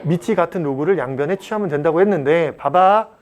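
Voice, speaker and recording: A man teaching a math class at a cram school, blunt and chatty, joking and mock-scolding his students and checking in with quick questions. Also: on the high side. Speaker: math tutor.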